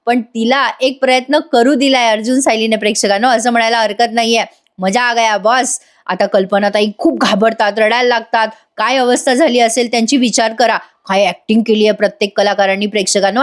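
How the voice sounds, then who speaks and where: Chatty high-voiced woman reviewer. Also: fairly quick. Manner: chatty, addresses viewers, excited. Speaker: TV serial reviewer. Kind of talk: casual voice-over episode review.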